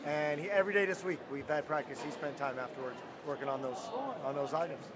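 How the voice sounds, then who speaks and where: A man's voice: fairly high pitch, steady tone, fast talker, a crowd in the background. A middle-aged man, a head coach, giving plain, upbeat postgame answers. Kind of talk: postgame interview. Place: indoor soccer arena floor. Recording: arena noise behind.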